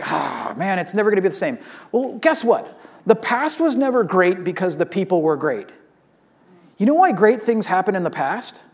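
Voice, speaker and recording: A man in his thirties, a pastor delivering a conversational sermon, telling stories animatedly and often asking "right?". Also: sits high.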